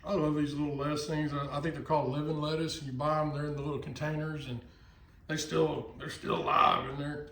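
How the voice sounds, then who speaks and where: A man's voice: on the high side, little pitch movement, a little fast, vocal fry, a bit bright, distant mic. A man from Texas with a Texan accent, chatting casually while he cooks in his kitchen, folksy and full of asides. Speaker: cooking vlogger. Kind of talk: casual cooking chat. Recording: echoey, from off-mic, frying in background.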